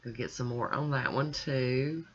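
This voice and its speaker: A woman's voice: a bass voice, a little slow, breathy edge, muffled recording. A woman chatting casually as she talks the viewer through her nail art, step by step. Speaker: nail art channel host.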